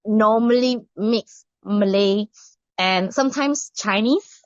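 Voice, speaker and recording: A middle-aged Indonesian woman with an Indonesian accent answers interview questions hesitantly, full of fillers and restarts. Her mid-range voice moves slowly, and the recording is muffled and dry with no room sound.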